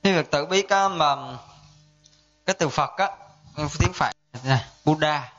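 A man gives a dharma lesson as a Buddhist monk teacher, his voice a little high for a man. He talks in a conversational way and keeps asking his listeners to agree. The sound is dull and lo-fi. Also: takes it slowly, a bit bright, soft background music. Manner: conversational, asks listeners to confirm often. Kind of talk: dharma class lecture.

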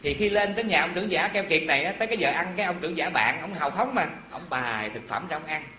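A man giving a Buddhist dharma talk, telling a story in an animated, folksy way with asides to his listeners. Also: on the high side, fast, slight background noise. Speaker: Buddhist preacher. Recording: echoey hall with faint ambience.

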